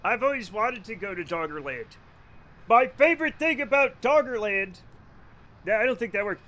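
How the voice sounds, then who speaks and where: Animated and sharp-toned, with a high voice at a moderate pace, a man from Rhode Island chats casually on his live game stream. He rambles, jokes, swears without restraint and laughs often.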